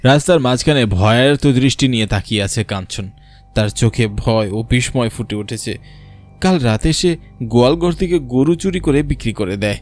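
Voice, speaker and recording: A man tells a scripted horror cartoon story in a dramatic storytelling style. His mid-range voice has a darkish tone and lively intonation, at a normal speed, over soft background music.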